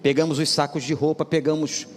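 A man's voice: a little high, little pitch movement, a little fast. A male pastor delivering a humorous storytelling sermon, speaking animatedly and addressing the congregation directly. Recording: long hall reverb with music behind.

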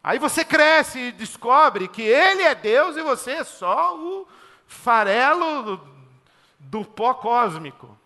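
A man's voice: extremely high pitch, very animated, slow pace, pushed and bright. A middle-aged man preaching a conversational sermon, emphatic and fond of rhythmic repeated lists. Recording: long hall reverb.

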